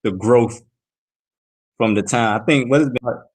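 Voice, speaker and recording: A man's voice: mid-range voice, measured pace, rough recording. A man interviewing casually, his audio breaking up over a laggy video call.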